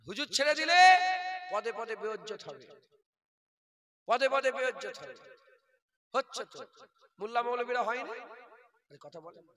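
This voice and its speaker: A man's voice: very high-pitched, lively intonation, moderate pace, pauses often, sharp tone. A man, preaching a sermon and putting questions to the crowd in a repetitive, sing-song way. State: hoarse. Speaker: preacher at a religious gathering. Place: outdoor religious gathering.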